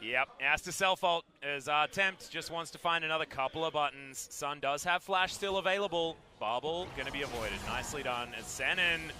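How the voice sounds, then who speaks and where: High-voiced excitable male esports caster. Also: a little fast, hardly any pauses, a little hiss or hum. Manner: excitable, rising to shouts in fights. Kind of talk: play-by-play commentary.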